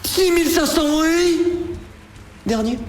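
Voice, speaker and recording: A man giving excited livestream commentary as he plays slots. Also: very high voice, takes it slowly. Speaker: gambling streamer. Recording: roomy echo, faint music behind.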